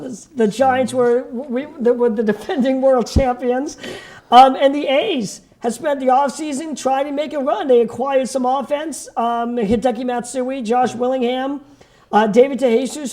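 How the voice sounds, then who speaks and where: A man's voice: extremely high pitch, mellow. A man co-hosting a sports show, recapping the baseball season fluently and with enthusiasm.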